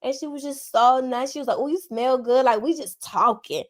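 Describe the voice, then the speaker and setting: A woman co-hosting a casual podcast, her voice sitting a bit high. She tells stories with lots of energy, acting out what everyone said. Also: normal speed. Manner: animated, excited retelling with quoted dialogue. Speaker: podcast co-host. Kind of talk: casual chat, storytelling.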